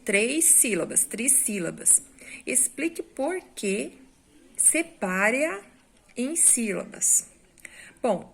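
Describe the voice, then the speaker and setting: A woman's voice: on the high side, fairly bright tone. A woman with a Brazilian Portuguese accent, a school teacher going through exercise corrections in a recorded lesson, explaining step by step and often checking in with the class.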